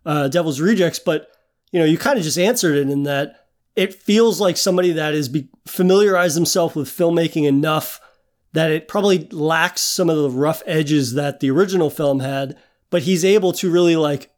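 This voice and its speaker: A young man with a fairly high voice talks through a film in a relaxed chat. He thinks aloud in long, winding sentences padded with fillers and asides. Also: normal speed. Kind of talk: casual film discussion.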